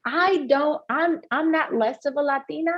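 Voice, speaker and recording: With a voice that sits high and a moderate pace, a Puerto Rican woman speaks earnestly as an interview guest, often restarting and using fillers. The conversation is candid, and the audio is dull.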